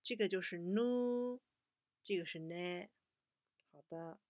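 A young woman teaching a children's language lesson, patiently slowing down to model each word for repetition. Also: lowish voice, a little mellow, no room sound.

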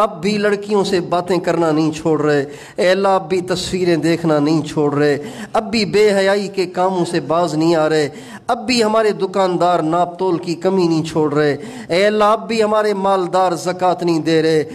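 A male Islamic preacher with a Pakistani Urdu accent, leading a pleading, repetitive supplication at the end of a sermon. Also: high voice.

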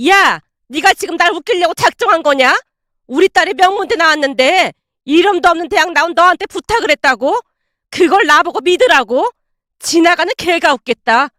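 Casting: a woman doing a shrill, bossy older mother-in-law, very high and loud, dry close sound. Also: very animated, normal speed, no echo, exaggerated voice. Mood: scornful. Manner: scornful, shouting.

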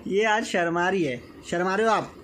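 A young man vlogging at home, talking playfully and coaxingly with a small child. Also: very high voice. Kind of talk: casual home vlog chat. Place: family home indoors. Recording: noisy home recording.

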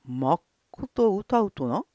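A woman voicing a stern, haughty older male feudal lord, speaking low and gruff in a folk tale. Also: big pitch swings, slow pace, mellow, no room sound, dull audio.

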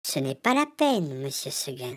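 A woman's voice: rumbling low, big pitch swings, moderate pace, heavily acted. A woman voicing a young goat yearning for freedom. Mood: pleading. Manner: soft and wistful, pleading. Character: young female goat, gentle, longing for freedom. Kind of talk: storybook character voice.

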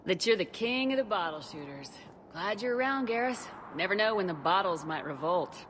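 A woman voicing a steady, wry, affectionate military space commander in a video game, understated and dryly teasing. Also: mid-range voice, moderate pace, a little hiss or hum, close to an everyday voice. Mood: playful confidence.

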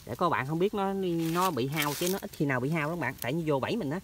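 Fast and expressive, this fairly high-pitched male voice comes through over background noise. In his outdoor vlog, the Mekong Delta-accented hunting vlogger wanders among rural orchards and canal banks, chatting casually and calling his viewers friends.

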